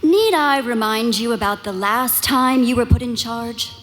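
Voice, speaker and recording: An actress playing a commanding young princess who leads rebels in a live audio drama, authoritative and earnest. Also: female voice, fairly high pitch, measured pace, fairly bright tone, faint music behind. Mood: stern.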